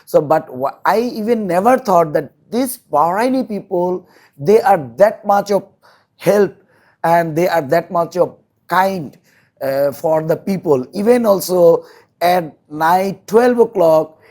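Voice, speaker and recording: This Bangladeshi man, a volunteer social worker appearing as an interview guest, speaks slowly in non-native English. His voice sits high and is animated with a darkish tone, and he comes across as earnest and halting, often repeating phrases.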